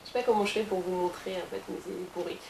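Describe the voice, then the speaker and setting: A woman's voice: on the low side, steady tone, fast talker, creaky, a little mellow. A woman giving a casual makeup tutorial as a beauty blogger, chatty, with playful asides to her viewers. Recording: roomy with faint hiss.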